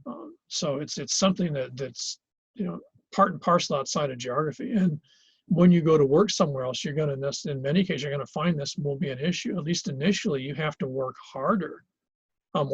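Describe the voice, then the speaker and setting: A man's voice: fairly high pitch, breathy edge, no echo, dull audio. A man teaching a college geography class in Hawaii, lecturing conversationally with lots of fillers and restarts. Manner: conversational, thinks aloud with many fillers and restarts.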